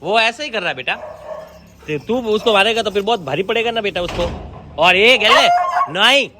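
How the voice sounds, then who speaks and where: A hoarse man working as a dog trainer who explains things calmly in a casual vlog and breaks off to call loud, sharp commands to the dogs. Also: sits high, fast talker. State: hoarse from a sore throat. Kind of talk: casual vlog narration while handling dogs. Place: outdoors at a dog hostel. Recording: noisy outdoor recording with barking dogs. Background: dogs barking.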